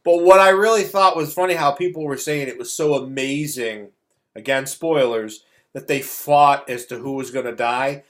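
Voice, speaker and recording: The host of a movie review show, a middle-aged man, delivers a casual rant full of blunt scorn and exasperation. His voice is mid-range and his speed normal.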